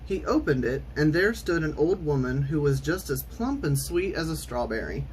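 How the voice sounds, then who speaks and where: A man reading a children's storybook aloud in an expressive, theatrical way with clear enunciation. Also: on the high side, moderate pace, a little hiss or hum, low-quality recording. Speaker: storytime reader.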